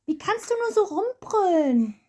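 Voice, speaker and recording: A woman's voice: very high-pitched, sing-song, a little slow, darkish tone, pitched above the performer's own voice, exaggerated voice. A woman playing an irritated man in a crowd who sharply scolds a blind beggar, as part of a Bible story told with a child. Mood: scolding.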